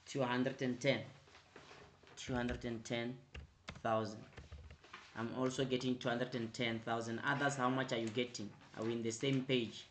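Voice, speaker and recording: A man teaching an online accounting revision class, repeating his prompts and growing louder and more emphatic as he explains. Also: mid-range voice, level tone, slight background noise. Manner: repetitive, prompting with "right?" and "quickly". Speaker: accounting tutor.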